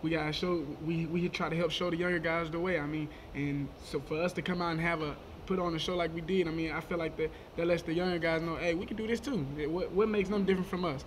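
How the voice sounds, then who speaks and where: A college football player in his twenties answering post-game questions quickly, often repeating words as he goes. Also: on the high side, fairly even intonation, slight background noise. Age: 20s. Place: press conference room, indoors. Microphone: table microphone.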